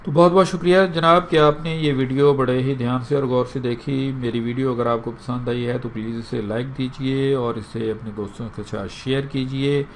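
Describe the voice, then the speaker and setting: A man with a Pakistani Urdu accent teaches a spoken English lesson at a mid-range pitch. He repeats each English phrase slowly and patiently, again and again, so learners can copy it. A faint hiss of background noise sits under his voice. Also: steady tone.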